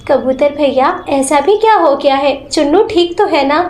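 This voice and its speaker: A woman's voice: sits high, moderate pace, darkish tone, close to an everyday voice. A woman voicing a young sparrow widow who speaks through tears but stays brave, in a storybook tale. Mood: worried. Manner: tearful, sobbing. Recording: roomy echo.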